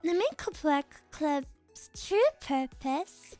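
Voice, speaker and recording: A woman voicing a refined, grave schoolgirl leader in a game story, formal and measured. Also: sits high, expressive, a little mellow, soft background music, pitched below the performer's own voice. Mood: cool, measured. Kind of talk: visual novel game dialogue read aloud.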